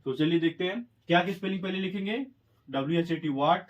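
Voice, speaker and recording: A man's voice: a little high, rough recording. Indian man teaching English grammar. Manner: spells words letter by letter, slowly dictating example sentences; addresses viewers as friends, encouraging and repetitive. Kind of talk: Hindi-language grammar lesson.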